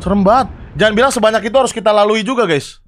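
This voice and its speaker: High-voiced excitable young man streaming. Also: rapid-fire. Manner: excitable, chatty, addresses chat as guys. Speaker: gaming streamer. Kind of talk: live game commentary.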